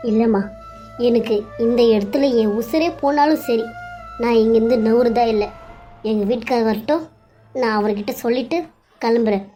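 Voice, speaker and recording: A woman's voice: on the high side, moderate pace, pauses often, warm tone, faint music behind, natural voice. Woman playing a hurt, stubborn young wife. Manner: firm, insistent.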